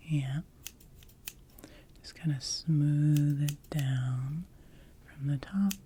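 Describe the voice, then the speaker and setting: Slow, ASMR role-play by a soft-voiced woman. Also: low voice, slight background noise. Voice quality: soft, breathy soft voice. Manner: soothing, gently repeats short phrases. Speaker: ASMR creator playing a hairdresser. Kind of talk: ASMR role-play, haircut personal attention ASMR.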